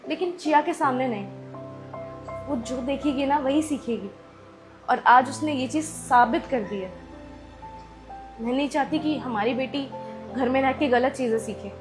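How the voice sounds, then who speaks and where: A woman acting as a young mother of a seven-year-old girl, scolding loudly at times and speaking gently at others, in a family drama skit. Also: high voice, close to an everyday voice. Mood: gentle.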